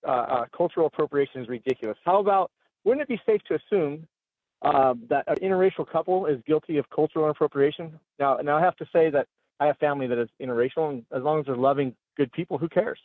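A man's voice: fairly high pitch, quick pace, no echo. A man giving his opinion casually as a radio caller over a phone line.

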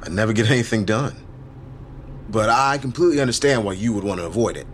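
A man with a fairly low, natural voice talks quickly over a slight hiss or hum. In naturalistic audio drama dialogue he plays an easygoing yet guarded illustrator who survived a shooting, keeping his tone casual and understated.

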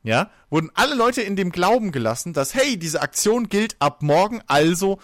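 A man's voice: sits high, sing-song, moderate pace, a bit bright, no room sound, clean studio sound. Emphatic man arguing heatedly. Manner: emphatic, argumentative, swears freely. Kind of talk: heated casual debate.

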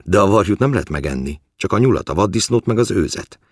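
A man voicing a curious, eager little boy in a read-aloud story, asking questions in a raised, high voice. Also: expressive, breathy edge, no echo, clean studio sound.

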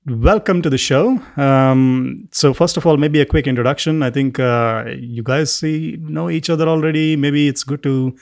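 A man's voice: a little high, moderate pace, few pauses. A man hosting a podcast in an informal, joking way. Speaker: podcast host. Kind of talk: casual podcast conversation.

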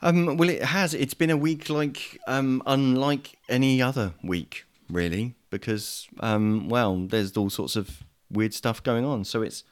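A man's voice: medium pitch, a little slow, hardly any pauses. An English man hosting a politics podcast over an internet call, talking casually and hesitantly with lots of ums and restarts. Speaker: podcast host. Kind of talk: casual chat. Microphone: video call.

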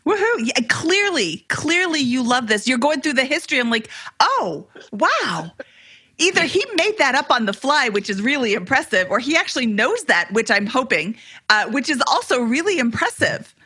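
Woman podcast co-host, higher-pitched voice. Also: very animated, moderate pace, bright, forceful tone, slightly rough, no echo. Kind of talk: casual upbeat podcast chat.

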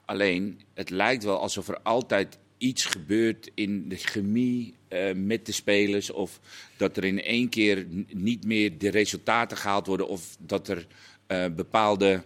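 Male guest, lower voice, measured and hedging, casual football chat. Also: a bit bright. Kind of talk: casual studio discussion.

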